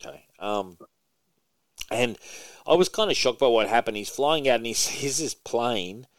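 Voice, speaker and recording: A man talking casually about comic books on a podcast, and his voice swings up and down in a lively way. He uses lots of fillers and swears casually. The sound is close and completely dry. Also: medium pitch, measured pace, dry recording. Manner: animated, swears, many fillers and laughs. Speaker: podcast host.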